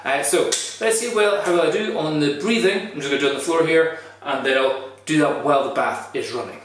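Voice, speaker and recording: A man's voice: fairly high pitch, brisk, a bit bright. A man talking casually to camera in a vlog, rambling and thinking aloud. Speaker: vlogger doing a cold-water challenge. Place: echoey indoor room with hard surfaces. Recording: very echoey room, distant mic.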